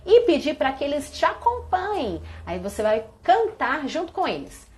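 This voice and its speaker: A woman's voice: high voice, wildly swooping pitch, normal speed, a little mellow. A Brazilian woman teacher live-streaming a class demo, showing other teachers activities with props and sung greetings. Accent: Brazilian Portuguese. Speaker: early childhood teacher.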